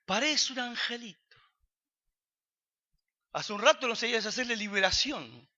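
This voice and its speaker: A man's voice: very high-pitched, animated, a little slow, bright, forceful tone. A man with an Argentine accent preaching a sermon, asking his congregation questions and answering them himself. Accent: Argentine Spanish. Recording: dull recording with long hall reverb.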